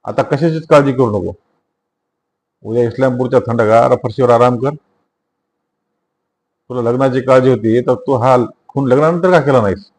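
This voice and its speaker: A man's voice: mid-range voice, normal speed, long pauses, natural voice. A man reading a scornful police inspector. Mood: mocking. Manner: loud, scornful, commanding. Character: stern mocking male police inspector.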